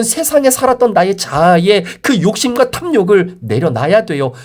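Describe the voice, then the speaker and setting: A man's voice: sits high, darkish tone. A male pastor giving a morning devotional sermon that ends in prayer, talking emphatically with rising and falling emphasis.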